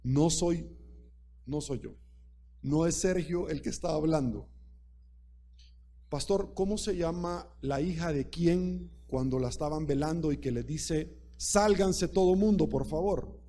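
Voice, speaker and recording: Man, preacher, sermon, emphatic and repetitive, fairly high pitch, mellow tone. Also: unhurried, pauses often. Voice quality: emphatic and repetitive, addressing the congregation directly.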